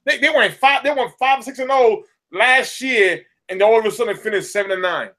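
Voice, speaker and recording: A man's voice: very high-pitched, fairly quick, pushed and bright. A man co-hosting a casual sports podcast with a Southern US accent, ranting animatedly and repeating words as he builds up. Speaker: sports talk co-host.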